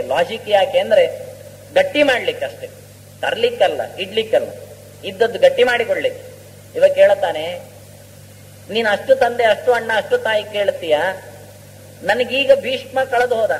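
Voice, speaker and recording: A man giving an epic discourse as a scholar, telling stories and reciting Sanskrit verses slowly. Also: high voice. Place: lecture hall. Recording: reverberant hall, faint hum.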